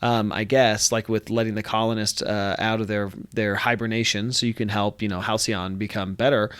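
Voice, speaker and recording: A man's voice: on the low side, level tone, moderate pace, fairly bright tone, clean tone, dry recording, studio quality. A young man with a congested nose, chatting casually about a video game he played, rambling with lots of fillers and restarts. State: congested from allergies. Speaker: gaming video host. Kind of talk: casual talk to camera. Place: friend's apartment room.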